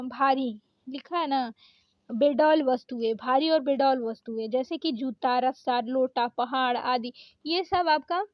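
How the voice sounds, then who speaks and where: Woman, high voice, grammar teacher, exam-prep lesson, reads word lists, hesitant fillers, dry close sound. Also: no room sound, highs cut off.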